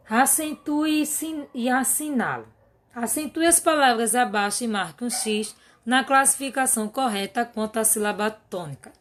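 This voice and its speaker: A woman's voice: on the high side, moderate pace, a bit bright. A woman teacher with a Brazilian Portuguese accent, going over workbook exercises in a remote class and patiently dictating lists of words one by one.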